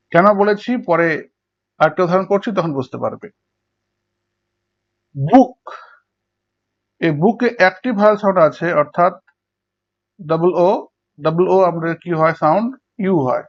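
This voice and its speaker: A male teacher explaining English prosody step by step to students and working through examples. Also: high voice. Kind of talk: Bengali lecture on English prosody. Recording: dull lo-fi recording.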